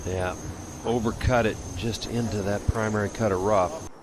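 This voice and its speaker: A man's voice: lowish voice, steady tone, normal speed. A man providing live golf commentary on a broadcast with outdoor background noise.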